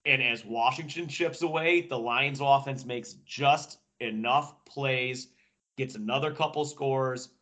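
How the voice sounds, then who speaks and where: Guy talking football on a podcast, bright punchy voice, casual fan talk, leans on phrases and repeats em. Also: mid-range voice. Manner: animated fan talk, emphatic repetition, colloquial. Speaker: podcast panelist and football analyst. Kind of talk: casual sports commentary.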